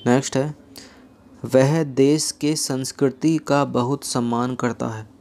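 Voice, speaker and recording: A young man teaching an exam-prep grammar lesson, reading example sentences slowly and dropping in joking asides. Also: mid-range voice, steady tone, darkish tone.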